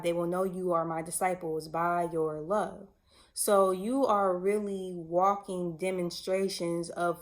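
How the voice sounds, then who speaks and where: A woman teaching scripture in a casual online sermon, emphatic and conversational, putting questions to her listeners. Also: lowish voice. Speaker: bible teacher.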